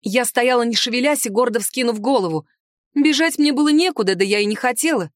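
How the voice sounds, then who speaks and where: Woman, audiobook narrator, expressive first-person reading, higher voice, dry sound. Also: brisk, no room sound.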